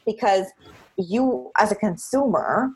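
An outgoing woman chats in an interview. Her voice has a husky edge, and she leans on repeated phrases to press her points. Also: medium pitch, big pitch swings, slow, rough recording. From Cape Breton, Canada. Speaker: interview guest, social media marketer. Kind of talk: conversational interview.

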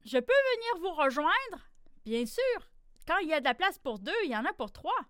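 A woman voicing a freezing, sociable male fox in a children's storybook, calling out loudly and brightly. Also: very high-pitched, sing-song, normal speed, dry recording, studio quality, pitched above the performer's own voice, exaggerated voice. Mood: hearty.

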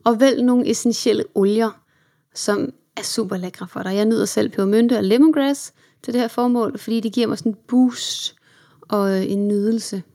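A woman's voice: a little high, mellow. Upbeat Danish-speaking woman podcast host. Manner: upbeat and chatty, mixing in English words. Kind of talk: solo self-help podcast talk.

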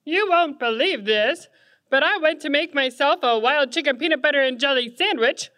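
Brief: earnest young guy Jimmy, played by a woman, high bright voice, dry close sound. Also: lively intonation, normal speed, dry recording. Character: earnest young man Jimmy hunting chicken.

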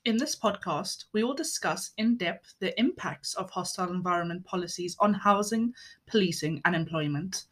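A young woman co-hosting a scripted podcast, reading in a clear, steady way. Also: fairly low pitch, normal speed. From South Africa. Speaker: podcast co-host.

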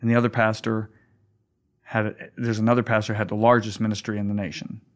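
A man's voice: fairly low pitch, flat delivery, fairly quick. Pastor guy being interviewed, earnest, lots of stammered restarts. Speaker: guest pastor. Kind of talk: conversational interview.

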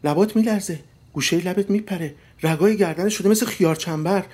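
A man voicing a sharp-tongued wife who needles and mocks her husband in a dry tone. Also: close to an everyday voice. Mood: scolding. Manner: dry, mocking, turns shrill and scolding.

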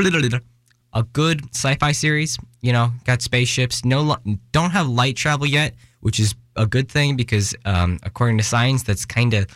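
This young man's mid-range, fairly bright voice comes through a dry, clean studio recording. Hosting a laid-back solo podcast from Washington, US, he rambles, restarts and fills gaps, jokes at his own expense, and gets out of breath.

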